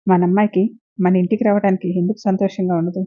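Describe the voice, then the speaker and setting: A woman's voice: medium pitch, level tone, quick pace, close to an everyday voice. A woman voicing a bossy, scheming middle-aged mother who scolds and gives orders, in a dull lo-fi recording. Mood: scolding. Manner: scolding, commanding.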